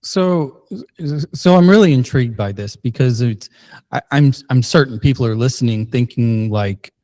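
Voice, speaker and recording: This podcast host from Missouri has a warm, medium-pitched voice captured in a dry recording. During the interview he rambles, jokes a lot and restarts his halting questions.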